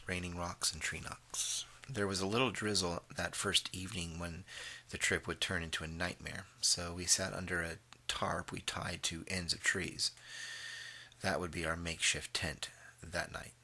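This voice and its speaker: A man narrating a first-person story, halting now and then with fillers and throat clearing. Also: sits low, pushed and bright.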